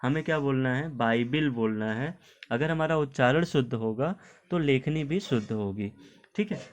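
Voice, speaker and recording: A man's voice: mid-range voice, expressive, moderate pace. A man teaching Hindi pronunciation in an online video lesson. He explains patiently, often checks in with "okay", and mixes English words into his Hindi.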